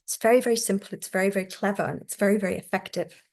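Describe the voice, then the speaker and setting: A woman teaching a class on therapy technique in a relaxed, conversational way, often checking in with her listeners. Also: medium pitch, rapid-fire. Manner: acts out client and therapist voices.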